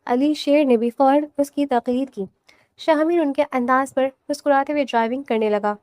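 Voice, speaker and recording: A woman narrator reading a romantic novel aloud in a soft, steady storytelling voice. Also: high voice, dry recording. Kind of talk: scripted audiobook narration.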